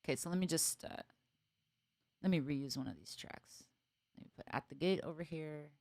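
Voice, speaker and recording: A woman's voice: deep voice, moderate pace, gravelly, darkish tone, no room sound. A woman musician chatting casually with viewers on a live stream, thinking aloud, laughing often and joking at her own expense.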